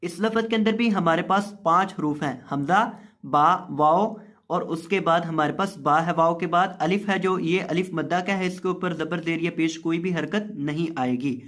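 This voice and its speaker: A man's voice: on the high side, normal speed, fairly bright tone. A man teaching Quran reading step by step, patiently repeating and drawing out each word. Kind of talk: slow step-by-step lesson.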